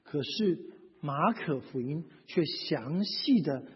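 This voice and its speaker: A male pastor with a high, very animated voice, preaching a sermon with rhetorical questions. His voice is deeply husky and breathy. It rings out with a long hall reverb on a dull, lo-fi recording. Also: takes it slowly. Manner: expressive preaching, rhetorical questions, reads scripture aloud.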